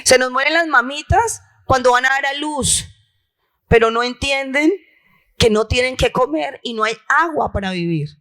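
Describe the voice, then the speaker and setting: A woman from La Guajira, Colombia, who leads a health insurer, speaks on a conference panel in a hall. Her voice is high-pitched and fairly bright, with lively intonation and a moderate pace, and her delivery is impassioned and emphatic, full of rhetorical repetition.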